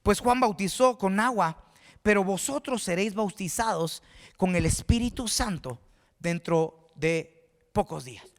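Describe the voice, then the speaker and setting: A man's voice: high voice, lively intonation, measured pace. A man from Guatemala preaching a sermon as pastor, fervent, with repeated words and restarts, rising to exclaim. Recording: reverberant hall.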